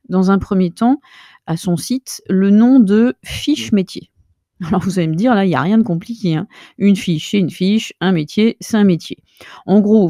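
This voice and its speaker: In a comic monologue styled as a mock-academic lecture, a woman with a mid-range, dark voice poses as a self-appointed linguistics researcher. Speaking straight to the viewer, she gets carried away stacking up grand jargon; the sound is dry and studio quality.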